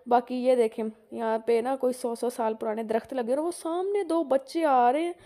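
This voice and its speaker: This young adult vlogger from Pakistan speaks a little higher than most women, at a moderate pace and with a warm tone. Her casual, rambling narration is full of "jo hai na" fillers and frequent laughter. The audio comes from a phone camera she holds while walking village roads outdoors and later moving around her home.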